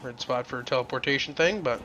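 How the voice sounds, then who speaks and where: A man's voice: medium pitch, fast, sharp tone, lo-fi sound. Foul-mouthed male gamer, muttered jokey commentary, noisy recording. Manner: profane, joking, mutters to himself. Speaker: gameplay commentator. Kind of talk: casual gameplay commentary.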